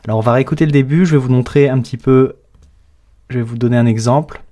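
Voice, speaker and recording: A man's voice: mid-range voice, quick pace, dark tone. A French-speaking man coaching English pronunciation, breaking down each sound step by step in an explanatory lesson.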